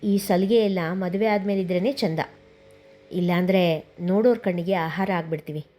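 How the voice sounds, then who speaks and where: A woman voicing a restrained young man who pleads gently in a storybook serial. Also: on the low side, steady tone, moderate pace, soft background music, natural voice.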